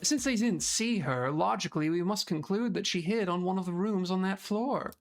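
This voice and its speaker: A woman reading a determined defense attorney aloud, arguing in a deliberate courtroom manner. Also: medium pitch, natural voice. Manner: deliberate courtroom argument, building up points. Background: background music.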